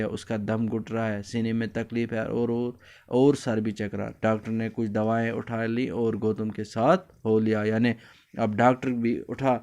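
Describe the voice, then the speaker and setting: A man's voice: mid-range voice, darkish tone. A man teaching a children's reading lesson, explaining word meanings and repeating lines for his pupils. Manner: explains word meanings, switches briefly into Kashmiri.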